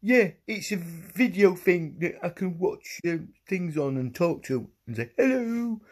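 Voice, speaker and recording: Pat the Potato: a squeaky, hyper potato who yells and rambles. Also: male voice, lively intonation, a little slow, breathy edge, exaggerated voice. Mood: excited. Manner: shouty, rambling, stumbles over words. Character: silly talking potato, childish and excitable. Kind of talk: comic vlog sketch.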